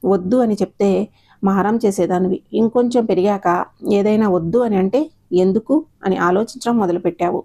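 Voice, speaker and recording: A woman's voice: mid-range voice, brisk, warm tone, lightly acted. A woman voicing a stern older mother who lectures her grown daughter firmly in an audio story. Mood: lecturing. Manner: lecturing, firm and reproachful. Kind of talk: storybook narration, acted dialogue.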